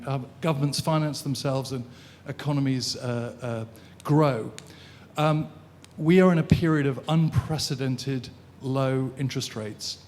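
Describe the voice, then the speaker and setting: A man's voice: mid-range voice, a little mellow, slight background noise. A man making a formal, filler-laden comment from the floor of a conference. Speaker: audience member commenting. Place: conference hall.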